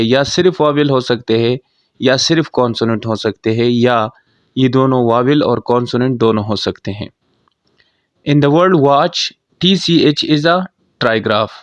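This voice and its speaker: A man teaching phonics, calmly explaining definitions and reading word lists. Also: medium pitch, no echo, highs cut off. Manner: slow, deliberate, reads definitions and word lists aloud. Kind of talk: classroom explanation.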